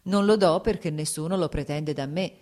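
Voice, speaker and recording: A woman's voice: sits low, moderate pace, darkish tone, close to an everyday voice. A woman voicing an earnest, brooding male landowner who argues his point in an audiobook reading. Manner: earnest, argumentative.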